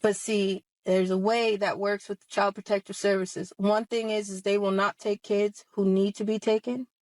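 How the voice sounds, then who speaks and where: Poor, dry audio carries this woman's medium-pitched, flat, darkish voice at normal speed. The thirty-year-old online video host talks straight to her viewers about her personal experience, impassioned, emphatic and confrontational, relying on rhetorical questions.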